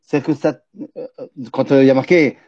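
A man's voice: mid-range voice, steady tone, moderate pace, darkish tone, no room sound, muffled recording. A man teaching a Torah class, explaining Hebrew words and asking his listeners questions before he answers them.

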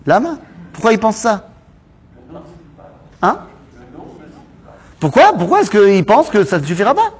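A man leads a Torah lesson with a slightly high voice that swings widely up and down. He fires off rhetorical questions and drops Hebrew terms into his explanations. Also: huge pitch swings, unhurried, pauses often, breathy edge. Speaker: Torah teacher. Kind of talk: lively Bible study lesson.

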